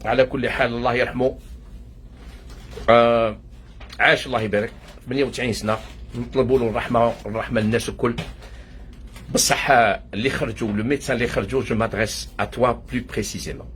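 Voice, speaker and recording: A man's voice: mid-range voice, steady tone, fast, long pauses, a bit bright, slight background noise. A grieving man from Algeria with an Algerian accent, a doctor working abroad, speaking in an agitated, emotional monologue from the hospital where he works and often switching between Arabic and French. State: grieving, near tears. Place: hospital workplace.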